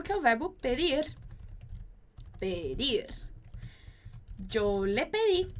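A Brazilian woman giving a chatty online Spanish lesson, asking learners questions and drilling verb forms. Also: high-pitched. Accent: Brazilian Portuguese. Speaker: Spanish teacher.

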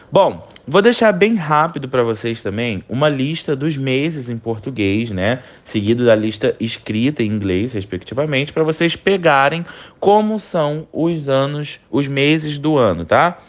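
A man teaching an online language lesson, drilling words slowly for the learner to repeat and checking in often with short questions. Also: mid-range voice. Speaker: English teacher.

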